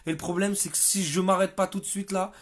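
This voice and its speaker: A man speaking in a livestream monologue as a protest activist, exasperated, halting and often repeating words. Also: sits high, fairly even intonation.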